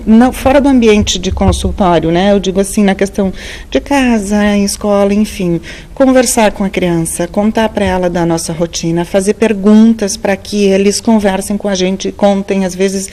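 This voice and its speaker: A woman with a Brazilian Portuguese accent answers interview questions as a speech therapist. She speaks calmly and didactically in a mellow, warm voice, pausing on small fillers. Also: mid-range voice. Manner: calm, didactic, measured with fillers.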